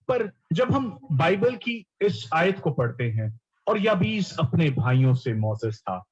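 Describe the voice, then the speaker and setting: A man's voice: fairly high pitch, big pitch swings, breathy edge, lo-fi sound. A man preaching a sermon, explaining scripture and repeating key words, often mixing English terms into his teaching.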